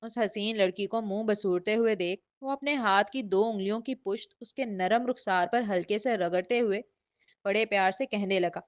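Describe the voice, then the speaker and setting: A woman narrating a romance novel in a flowing, descriptive storytelling manner. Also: mid-range voice. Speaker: audiobook narrator.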